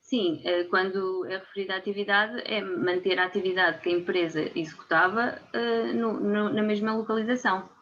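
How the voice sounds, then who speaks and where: Woman, European Portuguese accent, monotone delivery, consultant, dull lo-fi call audio. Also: mid-range voice, normal speed, few pauses. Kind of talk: webinar answers.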